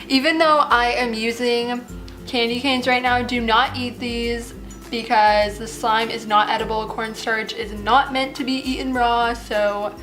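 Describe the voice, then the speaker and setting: High-pitched teenage woman lisping slightly with braces. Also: fairly bright tone. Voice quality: slight lisp from braces and rubber bands. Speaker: host of a slime craft channel. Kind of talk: casual chatty DIY tutorial.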